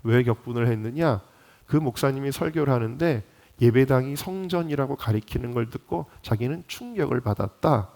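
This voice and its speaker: A man's voice: medium pitch, expressive, moderate pace, gravelly, darkish tone. A male pastor delivering a dawn sermon in a church sanctuary. He speaks with passion, asks the congregation rhetorical questions and builds to emphatic peaks. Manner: impassioned, rising to emphatic peaks.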